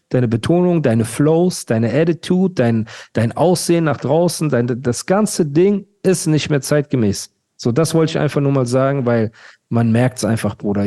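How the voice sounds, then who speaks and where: A man's voice: medium pitch, dark tone. A man hosting a casual rap podcast, ranting emphatically and repeating himself. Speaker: podcast host.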